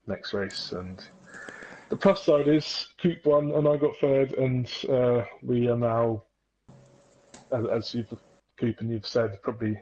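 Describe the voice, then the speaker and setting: A man with a fairly low voice talks through his race in a casual interview. He is conversational and reflective. The sound is dull, like lo-fi voice chat. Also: a little mellow. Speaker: racing driver being interviewed.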